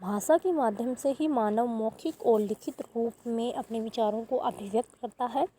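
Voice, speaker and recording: Warm-voiced woman teaching grammar. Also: fairly high pitch, moderate pace, a little hiss or hum, poor audio. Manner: step-by-step, corrects herself mid-sentence. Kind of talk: explaining grammar to students.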